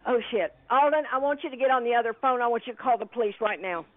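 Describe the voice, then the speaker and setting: A woman's voice: on the high side, fast talker. An angry woman in her eighties scolding a prank caller over the phone from her home, indignant and agitated. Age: 80s. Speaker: prank call target. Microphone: telephone. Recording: tinny phone line.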